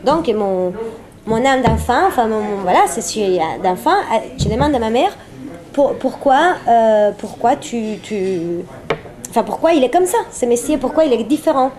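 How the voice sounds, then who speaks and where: With crowd noise around her, a Venezuelan singer-songwriter speaks at normal speed in a higher-leaning voice full of lively intonation. As an interview guest she keeps things casual and playful in French, a second language she speaks with a Spanish accent, often repeating phrases for emphasis.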